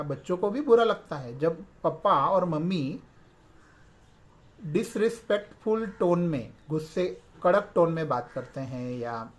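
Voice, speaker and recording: An earnest man talks through how families should speak to each other, explaining patiently and slipping English words in as he goes. His voice sits a little on the higher side. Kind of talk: reflective talk on family communication.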